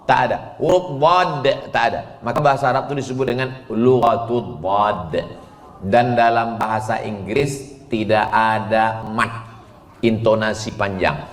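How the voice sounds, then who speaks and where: A man preaching a lively sermon, joking with the audience and chanting verses. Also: lowish voice, measured pace. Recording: echoey hall, faint background noise.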